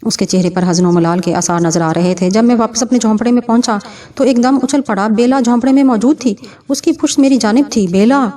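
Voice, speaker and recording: A woman narrates a horror audio novel with a soft, mellow tone. Her reading is steady and measured. The voice sits somewhat back from the microphone, giving a slightly distant sound. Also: mid-range voice.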